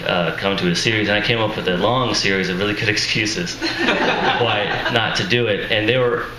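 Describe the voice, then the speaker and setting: Introducing his book to a live audience, this author has a fairly low voice with lively intonation and a normal pace. His tone is casual and self-deprecating, with chuckled asides, and he sounds tired and strained. Echo and noise fill the venue recording.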